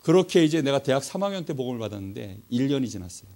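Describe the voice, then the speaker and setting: Animated middle-aged man preaching. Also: mid-range voice, racing, creaky. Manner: animated storytelling, acting out quoted voices. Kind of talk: sermon.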